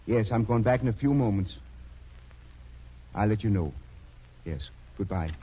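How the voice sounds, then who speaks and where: An actor playing a kindly, fatherly older small-town doctor in a 1930s radio drama, speaking a little hesitantly and gently reproving. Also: fairly low pitch, lively intonation, measured pace, slight background noise. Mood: warm, businesslike. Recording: muffled 1930s radio recording.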